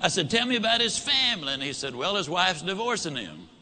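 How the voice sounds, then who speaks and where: A man's voice: sits high, big pitch swings, brisk, bright, forceful tone. A man giving a motivational talk, telling a story and acting out both sides of a conversation. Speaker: motivational speaker.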